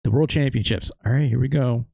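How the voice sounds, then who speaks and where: A man's voice: mid-range voice, brisk, creaky, mellow. A man casually commenting while playing a video game, with wry, sarcastic asides. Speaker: let's play host.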